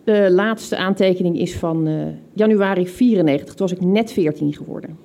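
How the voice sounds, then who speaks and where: There is a little hiss or hum in this recording of a woman reading her teenage diary aloud. Her soft, mellow voice is on the low side, her delivery unhurried and reflective, and she laughs lightly at her younger self's words.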